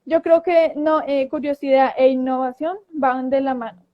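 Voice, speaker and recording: A woman telling a story in casual talk, animated and acting out quoted voices, with frequent restarts. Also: high-pitched, moderate pace. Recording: dull lo-fi audio.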